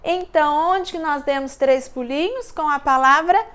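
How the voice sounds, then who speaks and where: Spelling out words syllable by syllable for small children, a woman teacher gives a lesson recap in a slow, sing-song way. Her voice is high-pitched with a fairly bright tone.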